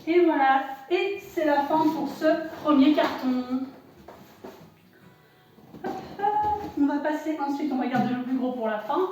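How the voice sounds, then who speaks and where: A woman's voice: high voice, measured pace, darkish tone, soft background music. A woman presenting an unboxing for her shop in casual commentary, hesitant, with many fillers and self-corrections. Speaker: shop owner unboxing products. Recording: echoey room, voice far from the mic.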